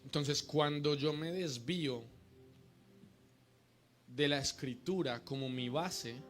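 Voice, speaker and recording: A middle-aged man preaching to a congregation at a middle pitch, building his point in short, repeated phrases. Soft music plays faintly behind him. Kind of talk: sermon.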